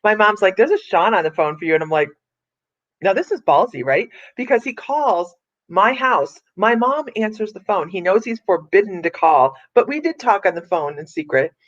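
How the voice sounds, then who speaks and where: A middle-aged woman from Ohio chats her way through a live psychic stream, rambling from one story to the next and laughing often. Her voice sits at an ordinary middle pitch. The sound is dull and lo-fi, like streamed audio. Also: animated, normal speed. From Ohio, USA. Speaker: psychic livestream host. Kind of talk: casual live chat.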